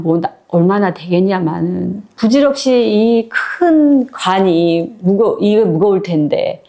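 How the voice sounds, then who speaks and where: A woman's voice: medium pitch, warm tone. Chatty woman retelling a story. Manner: chatty, conversational, many fillers. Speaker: book storyteller. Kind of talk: casual spoken retelling of a short story.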